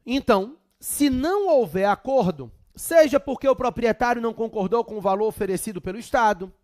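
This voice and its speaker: A man's voice: very high voice, expressive, fairly quick, a little mellow, dry recording, clean studio sound. A man with a Brazilian accent giving a chatty law exam prep lecture with humorous asides. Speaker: law teacher.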